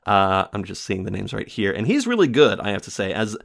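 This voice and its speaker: A man's voice: fairly low pitch, big pitch swings, a little fast, vocal fry. A man hosting a casual film review show, rambling with many fillers and self-corrections and laughing often.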